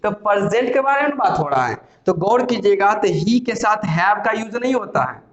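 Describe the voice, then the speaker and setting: Male tutor, high voice, asks and answers his own questions, slightly dull echoey recording. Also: lively intonation, moderate pace, a bit bright. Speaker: English grammar teacher. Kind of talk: Hindi grammar lesson with slow-read English sentences.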